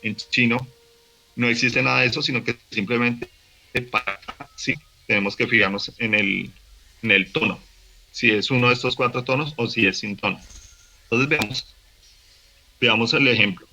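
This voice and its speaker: Gravelly bright-voiced man teaching. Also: medium pitch, fairly even intonation, rough recording. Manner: patient explaining, fillers and restarts, slow demonstration of tones. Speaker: language teacher. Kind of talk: recorded online workshop lesson.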